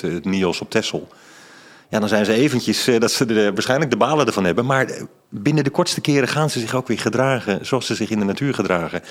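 A middle-aged man, an author, explaining in a casual interview with many ums and restarts. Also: on the low side. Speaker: author and science journalist.

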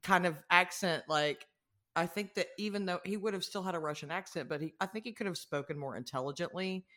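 A man's voice: sits high, a little fast, pushed and bright. A man in a casual movie discussion, talking in a hesitant, self-correcting, hedging way. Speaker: podcast co-host.

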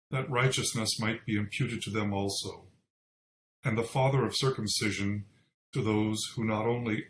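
A man reads scripture aloud at a church service in a slow, solemn liturgical cadence, his voice on the low side. Every phrase rings out into a big churchlike echo, as if from a large stone nave. A faint low rumble runs underneath. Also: a bit bright. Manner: measured, solemn liturgical reading. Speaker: lay reader.

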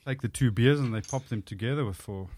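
A man in his forties with a thick South African accent, Afrikaans his first language, telling his life story as a podcast guest in an earnest, measured way; his voice is deep and husky. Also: heavy background noise. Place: studio.

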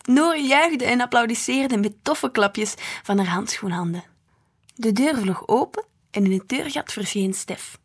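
A woman narrating a children's story in an even storytelling manner. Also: fairly high pitch, a little slow, breathy edge. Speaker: audiobook reader.

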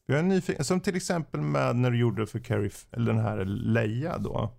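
A man's voice: mid-range voice, steady tone, gravelly, a little mellow. A man hosting a casual interview, asking curious questions with many hesitations.

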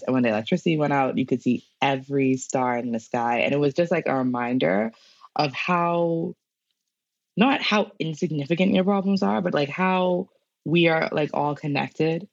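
Young Bahamian woman, interview guest, chatty and filler-heavy, gravelly voice. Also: low voice, normal speed, no room sound, muffled recording. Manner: chatty, many fillers like "like" and "you know". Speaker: guest climate scientist. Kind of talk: casual interview answers.

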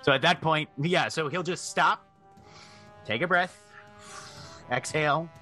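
A man's voice: a little high, a little slow, bright, forceful tone, faint music behind. A man chatting casually as a tabletop roleplaying player, narrating what his character does.

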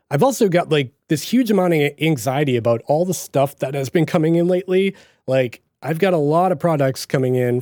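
His voice is on the high side but dark in tone, captured with clean studio sound and no room sound. He's a Boston-accented podcast host rambling casually on his own, with plenty of fillers and restarts.

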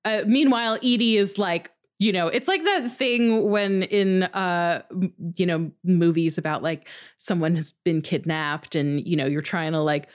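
A woman's voice: fairly low pitch, measured pace, few pauses. A woman co-hosting a podcast, casually recapping a video game in a chatty way full of fillers and acted-out quotes. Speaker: podcast co-host.

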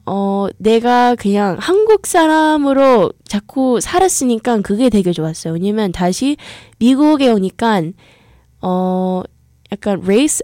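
In this casual bilingual monologue, a young American podcast host moves from Korean into English, chatting through a story with plenty of fillers and restarts. Her mid-range voice is warm, and the studio recording is clean with no echo.

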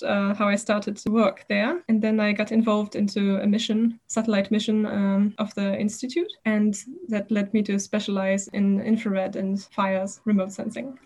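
A young woman from Poland, a doctoral researcher, explaining her work in a thoughtful, measured way with frequent pauses and fillers. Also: medium pitch, darkish tone. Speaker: guest researcher. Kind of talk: casual interview.

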